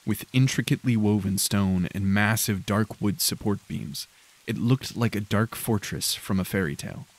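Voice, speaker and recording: A man narrating a dark fantasy audiobook in a measured, grave storytelling manner. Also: fairly low pitch.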